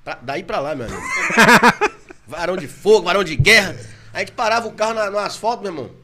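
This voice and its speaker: Excitable high-voiced Brazilian man telling stories. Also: quick pace, crowd noise. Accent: Brazilian Portuguese. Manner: animated, laughing, gets louder and higher when excited. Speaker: guest telling his story. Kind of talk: casual storytelling in a podcast chat.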